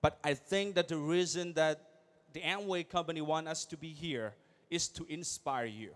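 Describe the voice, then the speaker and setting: A young man speaks on stage at a big convention, his voice sitting high for a man. He is energetic and keeps throwing questions out to the audience, pushing them to answer. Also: moderate pace. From Thailand. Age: young adult. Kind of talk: motivational stage speech. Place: large convention hall.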